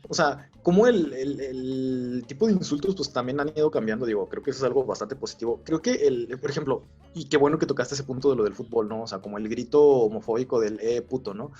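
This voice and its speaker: A young podcast co-host with a Mexican Spanish accent rambles through casual, slangy chat packed with fillers. His mid-range voice is mellow and slightly rough, a little fast with few pauses. The sound is slightly dull, with faint music.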